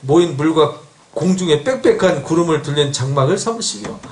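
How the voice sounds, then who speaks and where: Male pastor, middle-aged, lively preaching, high voice, echoey church hall. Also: fairly quick. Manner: animated, asks the congregation questions, acts out an angry God. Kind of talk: expository sermon. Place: church sanctuary.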